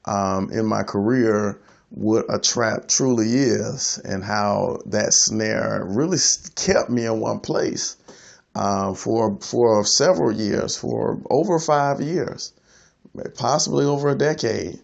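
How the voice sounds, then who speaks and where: Gravelly low-voiced man, halting reflective talk. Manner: halting, repeats words, laughs at himself. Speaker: freelance IT consultant. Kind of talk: reflective personal monologue.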